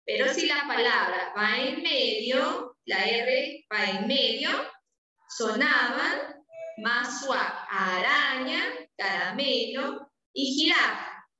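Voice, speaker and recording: A woman with a high, bright voice gives a preschool lesson, slow and patient, drawing out each word. She keeps stopping to check that the children follow. She sits back from the mic in a very echoey room. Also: animated, far from the mic, soft background music. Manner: slow, patient, drawn-out teaching with many check-ins. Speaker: preschool teacher. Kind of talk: online class lesson.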